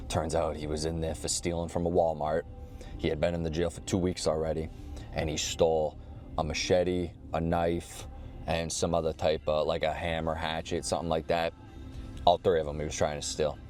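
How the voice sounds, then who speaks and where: A man's voice: rumbling low, darkish tone. A man chatting casually in a rambling, slangy, profane way with a laid-back stoner drawl. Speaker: vlogger.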